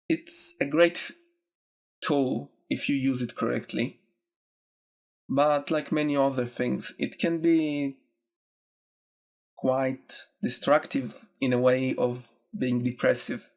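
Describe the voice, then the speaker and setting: A young man with a congested, nasal voice from being sick, speaking casually and reflectively to his viewers in short, halting phrases. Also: mid-range voice. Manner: slow, halting, reflective, with pauses. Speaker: YouTube video essayist. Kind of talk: casual talk to camera.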